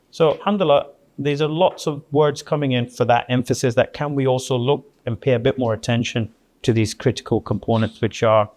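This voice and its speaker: A man speaks as a guest lecturer in a hall. His delivery is animated and emphatic, and he often turns to the audience with rhetorical questions. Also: mid-range voice. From Scotland.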